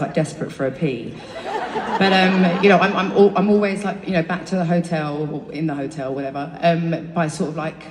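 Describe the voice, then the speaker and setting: A London woman singing in a large concert venue chats to the audience between songs in a low, slightly mellow voice. She rambles, swears freely and laughs at herself, and the live recording is distant and echoey with crowd noise and a little hiss or hum.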